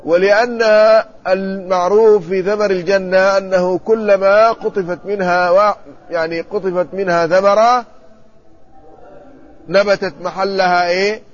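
A man, an Islamic scholar, giving a measured classroom commentary on hadith and checking the text with his students. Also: sits high, fairly even intonation. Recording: muffled lo-fi recording with faint ambience.

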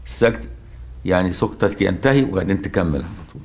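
A middle-aged man with an Egyptian accent teaching a religious lesson. He explains step by step, often checks whether listeners have understood, and recites quoted verses slowly and deliberately. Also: deep voice, animated, gravelly, slight background noise. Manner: checks understanding with rhetorical questions.

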